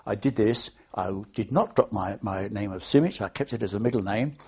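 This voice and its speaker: With the highs cut off in the recording, an elderly man from London reminisces at length for an oral history, meandering through anecdotes with many hesitations. He speaks a little fast in a lowish, slightly mellow voice with a breathy edge.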